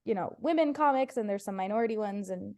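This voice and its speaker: Warm-toned and fast, with lively intonation in a mid-range voice, this Ohio comedian guests on a podcast. Farsi was her first language, and she tells her stories casually, playfully acting out quotes.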